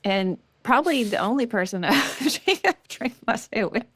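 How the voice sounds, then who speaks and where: A woman's voice: on the high side, a little slow, fairly bright tone, no echo. A woman co-hosting a podcast, effusive and chatty, with plenty of fillers as she asks questions. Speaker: podcast co-host. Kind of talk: casual podcast interview.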